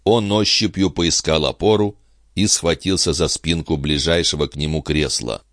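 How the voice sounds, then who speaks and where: A man narrating a historical novel in an expressive, dramatic audiobook reading. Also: very deep voice, moderate pace, no echo, studio quality. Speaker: audiobook reader.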